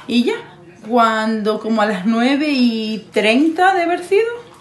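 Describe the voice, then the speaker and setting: A woman's voice: on the high side, expressive, slow, echoey room. A woman telling a story in casual chat, acting out what people said and laughing often. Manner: acts out quoted lines, laughing often. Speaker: fiancée telling her story.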